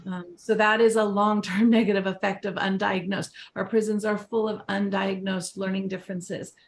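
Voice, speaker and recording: A woman's voice: mid-range voice, little pitch movement, normal speed. A woman speaking as a teacher and education consultant on a panel, earnest and emphatic as she advocates for students. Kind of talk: panel discussion.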